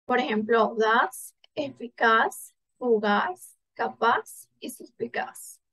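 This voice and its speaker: A woman giving a class presentation on spelling rules, reading out example words with pauses and fillers. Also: a little high, animated, a bit bright, slightly rough, no room sound, highs cut off. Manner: reads example word lists with pauses and fillers. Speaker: student presenter.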